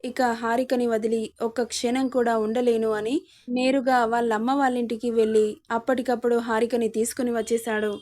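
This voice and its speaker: Flat-voiced woman storyteller. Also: on the high side, normal speed. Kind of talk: scripted narration.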